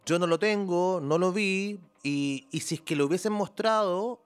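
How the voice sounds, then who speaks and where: A man's voice: sits high, normal speed, clean tone. A Chilean man co-hosting a casual entertainment chat, rambling with hesitant restarts. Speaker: co-host.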